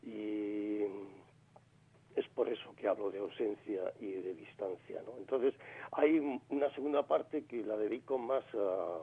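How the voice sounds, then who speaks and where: A fairly low, breathy male voice, a little slow, belongs to a poet in his sixties from Granada, Spain. He is a phone guest on a radio interview, heard through a telephone line, thinking aloud reflectively and often restarting or filling pauses.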